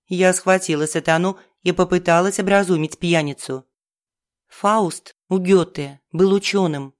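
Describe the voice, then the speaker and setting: Low-voiced woman narrating an audiobook. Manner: wry, brisk storytelling. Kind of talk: first-person audiobook narration.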